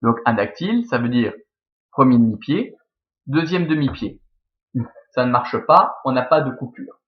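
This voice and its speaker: A Belgian French-accented man talks a class through a lesson at a middle pitch, reasoning aloud one step at a time. He fills pauses with frequent "euh" and "bon" as he works things out. The recording is dull and lo-fi. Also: expressive. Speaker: teacher. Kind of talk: explaining Latin verse scansion.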